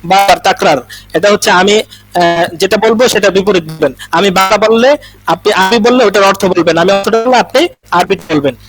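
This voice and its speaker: A man's voice: high-pitched, moderate pace, fairly bright tone, soft background music, low-quality recording. A man teaching an Arabic class over a video call, drilling words and often checking in with his students. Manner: repetitive drilling, frequent "thik ache". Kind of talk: online class instruction.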